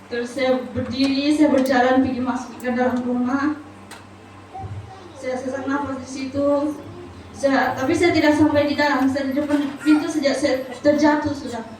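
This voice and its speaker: A woman tells her testimony in a soft, halting way, with many pauses. Her voice sits high, and it reaches the mic from a distance. The hall around her rings with heavy echo, and there is a clear noisy hum behind her. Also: flat delivery. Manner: soft, hesitant storytelling with pauses. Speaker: church member giving testimony. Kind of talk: personal testimony at a church service. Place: church hall. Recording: very echoey hall, voice from far off, noisy.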